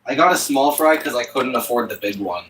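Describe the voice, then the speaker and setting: A man's voice: medium pitch, expressive, a little fast, background noise. A young man streaming casual chat outdoors on a phone while walking home, rambling with lots of "like" and "you know".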